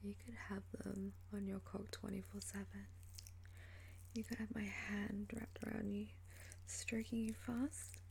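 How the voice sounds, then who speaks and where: A woman doing an ASMR role-play as a flirtatious, teasing lover, in a sultry, breathy and seductive voice. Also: fairly high pitch, dark tone.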